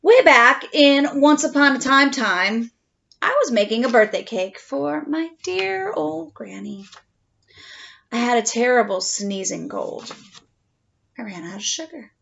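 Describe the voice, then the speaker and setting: Storybook wolf played by a woman: chatty, indignant, self-justifying, highish and lively, theatrical stresses. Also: a little slow, creaky, slight background noise, exaggerated voice. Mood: mock innocent. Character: male storybook wolf, folksy, indignantly pleading his innocence. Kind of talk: read-aloud children's storybook narration in first person. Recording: dull home recording.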